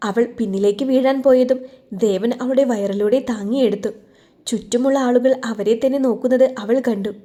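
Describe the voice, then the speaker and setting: Mellow-voiced woman reading a story. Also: fairly high pitch. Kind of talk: scripted story narration.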